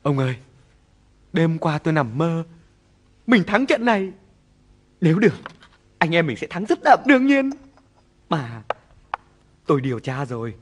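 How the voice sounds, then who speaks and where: An actor playing a scheming gambling crony who confides plans in a low conspiratorial way, in an old film. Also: male voice, sing-song, unhurried, long pauses.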